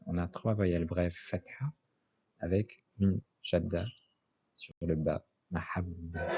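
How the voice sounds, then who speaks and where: A man's voice: sits low, warm tone, husky. A man teaching an Arabic lesson, spelling out letters and repeating each example word twice before explaining it. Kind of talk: slow methodical language lesson. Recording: dull lo-fi recording.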